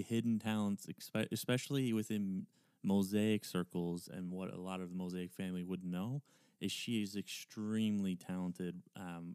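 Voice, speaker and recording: A man with a fairly low, clean and smooth voice hosts a podcast conversationally. He is effusive and complimentary, and the sound is close and dry. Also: darkish tone, no echo. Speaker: podcast host. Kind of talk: casual conversational podcast hosting.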